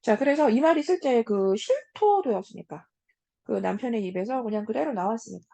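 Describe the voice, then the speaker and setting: A woman teacher giving a casual lecture on a classic story, talking straight to her students with many soft hums between points. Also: fairly high pitch, animated, fairly quick, gravelly, no echo. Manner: casual, talks to students as 얘들아 with frequent hums.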